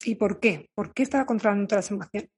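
A woman with a Spanish accent from Spain talks to her audience in a calm, candid, confiding way. Her voice has a soft, breathy edge at an ordinary middle pitch. She sounds like a therapist opening up about her own experience. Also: fast. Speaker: therapist who treats eating issues. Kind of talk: personal reflective monologue to viewers.

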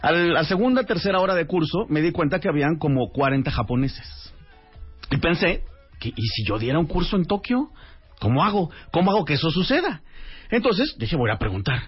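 A man, a radio guest telling a lively anecdote and acting out the dialogue. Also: on the high side, brisk, breathy edge, faint music behind. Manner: animated storyteller acting out dialogue. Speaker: radio guest, author and translator. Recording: dull lo-fi radio audio.

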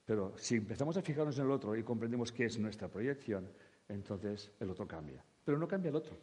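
A man's voice: fairly low pitch, quick pace, big-room sound. A man giving a humorous spiritual talk to an audience, acting out quoted voices with crude jokes. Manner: lively, acts out quoted voices, jokey and crude. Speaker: spiritual speaker.

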